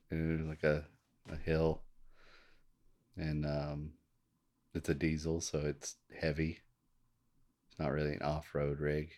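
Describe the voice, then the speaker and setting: A male podcast co-host telling a story in casual chat, laid-back, laughing often and swearing casually. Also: a bass voice.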